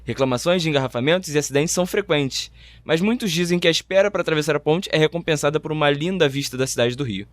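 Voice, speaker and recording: Fast-talking Brazilian male narrator. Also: a little high, no room sound. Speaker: podcast narrator. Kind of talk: scripted narration.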